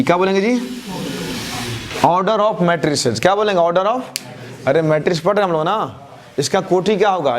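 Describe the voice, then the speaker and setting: A man teaching a math class, who keeps asking questions and answering them himself, his answers dropping low and soft. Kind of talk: classroom lecture with call-and-response questions.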